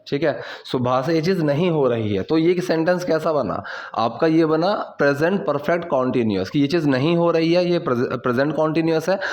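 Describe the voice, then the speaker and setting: A young man teaching English grammar in casual Hindi, checking in often and saying the English example sentences slowly and deliberately. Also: a little high. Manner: casual, repetitive teaching with many "theek hai" check-ins.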